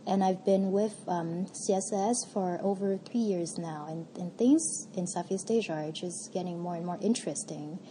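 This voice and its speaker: Researcher guest, a woman from Vietnam, lower warm voice, thoughtful answers with frequent restarts. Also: normal speed, hardly any pauses, slight background noise, rough recording. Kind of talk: interview answers.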